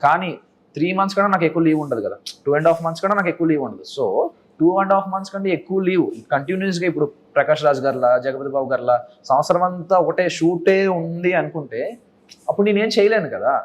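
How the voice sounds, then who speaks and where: A young man answers interview questions in a casual chat. His voice sits a bit high for a man, and he talks at a rapid clip. He is earnest and mixes English phrases into his speech. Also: expressive. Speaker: interview guest.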